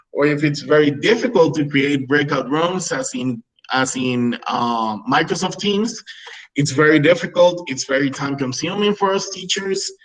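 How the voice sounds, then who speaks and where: A slightly high-voiced man in his thirties, from Peru and a native Spanish speaker, teaches a video-call webinar aimed at English teachers. He explains things and frequently asks "right?" to check in. The audio is poor.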